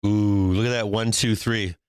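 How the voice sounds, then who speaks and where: Laughing frequently between calls, a man with a faint Boston accent runs a live stock-trading stream in a brash, jokey style. He speaks unhurriedly in a smooth, lowish voice with fairly even intonation, in a dry, studio-quality recording.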